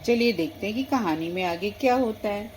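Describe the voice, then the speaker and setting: A woman's voice: medium pitch, lively intonation, brisk, a little mellow, slight background noise. Woman narrating a doll story. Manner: friendly addressing viewers. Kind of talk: scripted narration.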